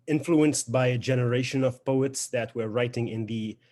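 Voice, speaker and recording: Young male poet, Lebanese accent, native Arabic speaker, mid-range voice, reflective, pausing as he introduces his work. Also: mid-range voice, a little mellow. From Beirut, Lebanon. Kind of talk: informal spoken introduction to a poetry reading.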